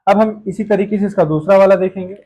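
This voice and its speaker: Man, high voice, grammar teacher, step-by-step explaining, asks then answers himself. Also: fairly even intonation, fast talker, dark tone, husky, lo-fi sound. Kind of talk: online grammar lesson.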